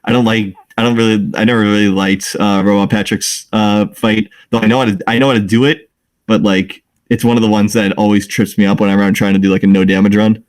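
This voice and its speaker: Low-voiced man bantering on a podcast. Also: level tone, fast talker. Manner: playful, teasing banter. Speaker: podcast co-host. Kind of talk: casual gaming podcast chat.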